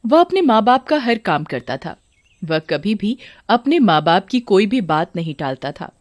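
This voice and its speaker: A woman narrating a scripted folk horror story in an expressive, dramatic way. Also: mid-range voice, measured pace, no echo.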